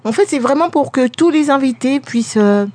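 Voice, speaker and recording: A woman making a prank phone call from a radio studio, posing as a formal recruiter and pressing her requests with a deadpan tone. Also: high voice, normal speed.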